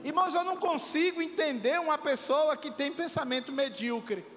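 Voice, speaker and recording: A man preaches from a pulpit, his voice sitting very high and pushing hard on key phrases. He calls out to the congregation for answers. The sound carries a long hall reverb with music playing beneath. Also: moderate pace, fairly bright tone. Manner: emphatic preaching with call-and-response. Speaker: pastor. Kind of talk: sermon. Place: church hall. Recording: echoey hall with music behind.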